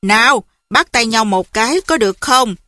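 Affectionate, cooing woman principal, read by a woman, bright and dry. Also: fairly high pitch, lively intonation, moderate pace, no room sound. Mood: fond. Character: warm woman school principal.

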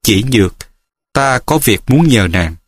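A courteous young hero , as a male reader voices him speaks earnestly and politely. The delivery moves widely in pitch and sounds dry and close, like a martial-arts audiobook. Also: lively intonation, measured pace, dry recording.

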